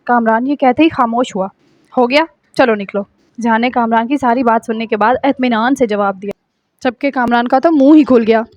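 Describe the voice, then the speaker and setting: A woman reading a romance novel aloud in a steady storytelling manner. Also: fairly high pitch, lo-fi sound. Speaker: narrator.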